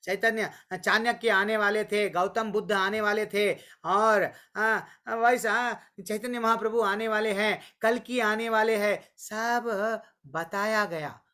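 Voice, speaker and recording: A man teaching a scripture class online, telling stories and slowly chanting verses. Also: high voice, fairly even intonation, bright, forceful tone. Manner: storytelling, voices quotes of deities and sages. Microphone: online call.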